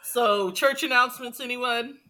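An American woman hosting a podcast in casual chat, wry, unhurried and playfully teasing. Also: a little high, steady tone, sharp tone. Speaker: podcast host.

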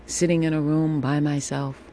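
Recording on her phone in a room at home, a podcast host with a sultry, low-pitched, mellow voice offers a reassuring check-in in a flat, moderately paced monologue, repeating phrases. Faint air conditioning hums in the background.

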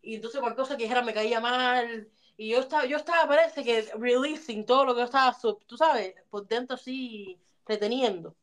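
Woman co-hosting a podcast, kinda high voice, animated storytelling, throws in english words. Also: a little fast. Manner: animated, mixes English phrases into Spanish. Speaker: podcast co-host. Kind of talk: casual storytelling chat.

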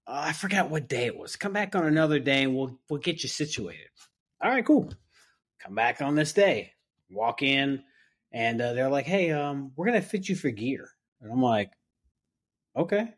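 A firefighter on a podcast, casually telling a story and acting out the lines of the people in it. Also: male voice, medium pitch, moderate pace. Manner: animated retelling, acting out others' lines.

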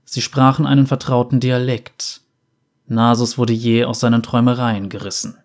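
Measured male fantasy narrator. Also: mid-range voice, level tone. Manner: measured, dramatic. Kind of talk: dramatic story reading.

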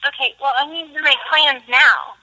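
A woman's voice: high-pitched, fairly even intonation, moderate pace, pushed and bright. A woman caller heard over a phone on speaker, chatting casually and laughing between lines. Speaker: caller, podcaster's sister. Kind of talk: casual family phone chat. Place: on a phone call, elsewhere. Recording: tinny speakerphone, from the mic.

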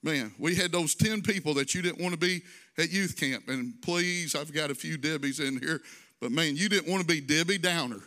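A male pastor delivers a conversational sermon, stretching phrases out in a sing-song way and tossing in folksy asides. His voice is a little high and sharp-toned, at a moderate pace.

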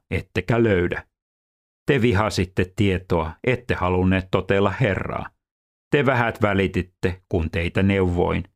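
A man reading scripture aloud in a measured, even scripted delivery. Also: sits low. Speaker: scripture reader.

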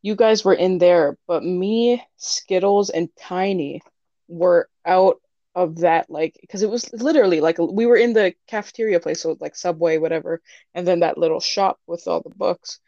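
Young woman chatting on a podcast, fairly low voice, giggly storyteller, sounds dry and a bit muffled. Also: normal speed, dark tone, no echo. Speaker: podcast co-host. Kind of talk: casual storytime chat.

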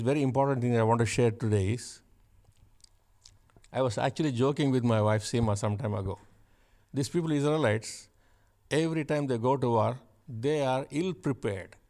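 A man preaching a sermon, shifting from chatty asides with the congregation to loud, emphatic repeated declarations. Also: medium pitch. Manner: builds to loud emphatic repetition; conversational asides with laughs.

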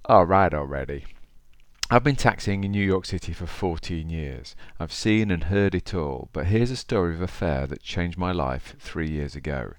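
Deep-voiced man with an East Midlands accent. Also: moderate pace, hardly any pauses, dry recording, clean studio sound. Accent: East Midlands English, Derby. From Derby, England. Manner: chatty, informal, addressing the listener directly. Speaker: podcast host. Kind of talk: informal solo podcast talk and story reading.

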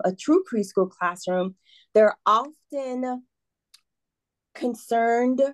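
A woman who teaches preschool, talking in an interview, earnest and enthusiastic and often checking in with "right?". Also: mid-range voice. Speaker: preschool educator, guest. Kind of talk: casual interview talk.

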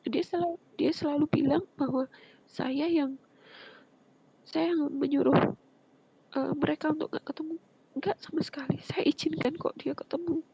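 High, gravelly-voiced woman. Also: fairly even intonation, normal speed, pauses often. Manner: earnest, soft-spoken, often drops to a breathy whisper. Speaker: interview guest. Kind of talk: personal story told in an interview. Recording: muffled lo-fi with faint background noise.

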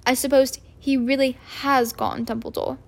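A woman's voice: high voice, little pitch movement, moderate pace, gravelly. A woman voicing a stern, prim older witch professor who speaks in a clipped, impatient way. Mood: irritable.

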